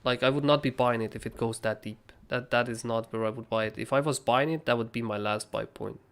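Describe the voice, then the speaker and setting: Hosting a livestream, a young man casually analyzes trading charts live, rambling and swearing freely. His hoarse, raspy voice is mid-range and fairly bright, and he talks briskly.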